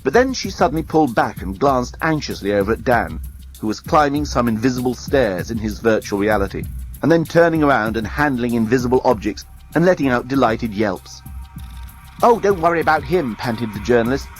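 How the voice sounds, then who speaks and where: A man reading a science fiction story aloud as a storyteller, expressive and dramatic. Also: medium pitch, a little fast, faint music behind. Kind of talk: read-aloud story narration.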